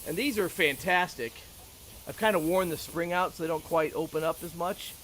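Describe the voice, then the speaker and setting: A man's voice: fairly high pitch, normal speed, fairly bright tone, slight background noise, low-quality recording. A man chatting casually and talkatively, with joking asides, as he shows off things. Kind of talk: casual chat about tools.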